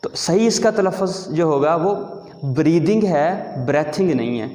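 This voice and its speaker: A man teaching English pronunciation, speaking slowly and deliberately, spelling out words and repeating them as a drill. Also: a little high, animated, darkish tone. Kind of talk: classroom-style lesson, spelling words aloud. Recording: echoey, reverberant room.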